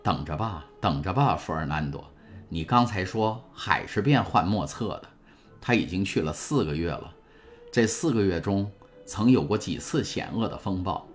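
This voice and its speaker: A man's voice: low voice, expressive, normal speed, soft background music. A man reading an audiobook, voicing a devoted, steadfast young woman in an earnest, pleading way.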